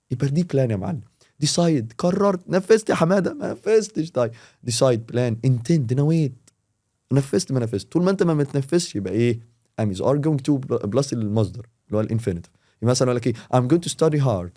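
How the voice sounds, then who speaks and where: Fast-talking Egyptian teacher, dark voice. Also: male voice, medium pitch. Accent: Egyptian Arabic. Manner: animated, explains with quick examples. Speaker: English teacher, podcast guest. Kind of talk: casual podcast chat.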